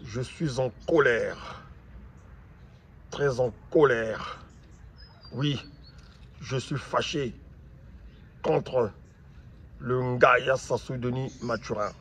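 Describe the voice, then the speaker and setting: A man from Congo-Brazzaville delivers angry political commentary as host, speaking slowly and deliberately in a fairly high voice. He keeps saying that he is angry, and his voice swells into loud outbursts. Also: slight background noise.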